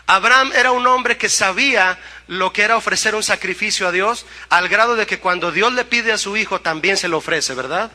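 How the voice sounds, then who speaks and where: A man's voice: high-pitched, a little fast, pushed and bright, long reverb tail. A male pastor preaching a sermon, reading scripture aloud and asking the congregation to answer back.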